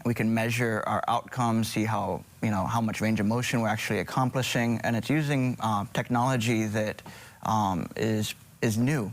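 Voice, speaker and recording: Man from Hawaii, middle-aged, TV guest surgeon, hesitant, slightly low voice. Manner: hesitant, many ums and restarts. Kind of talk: TV morning show interview.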